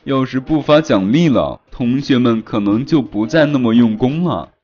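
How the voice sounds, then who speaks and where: A man voicing a gentle, patient primary school teacher. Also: mid-range voice, animated, normal speed, voice pushed down, close to an everyday voice. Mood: pleading. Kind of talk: animated story narration. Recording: dull lo-fi audio.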